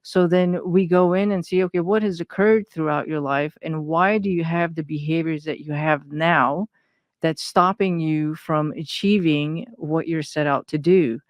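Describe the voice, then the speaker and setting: A woman's voice: deep voice, steady tone, unhurried, dry recording, clean studio sound. A woman from Iran, a consultant giving an interview, talks hesitantly with many fillers and restarts. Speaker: guest, intuitive consultant. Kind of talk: personal interview talk.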